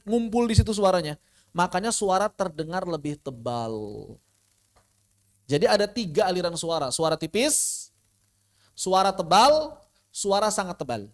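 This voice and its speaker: In an online class recording, a Quran recitation teacher with a medium-pitched voice gives a tajwid lesson. He poses rhetorical questions, answers them himself, and slowly sounds out Arabic letters as examples.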